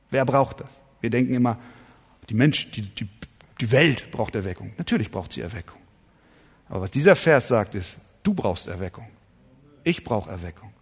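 A man preaching a sermon to his congregation, emphatic, asking rhetorical questions and swinging between loud and soft. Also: medium pitch, husky. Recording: long hall reverb.

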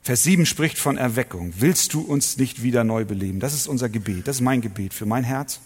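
Husky preacher in a reverberant hall. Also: male voice, medium pitch, fairly quick. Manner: emphatic, asks rhetorical questions and swings between loud and soft. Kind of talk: sermon.

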